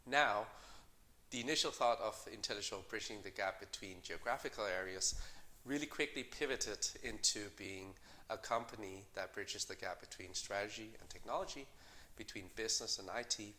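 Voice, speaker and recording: Middle-aged male founder, low bright voice, halting interview answers. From Denmark. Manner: measured, many fillers and restarts. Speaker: company co-founder and CEO.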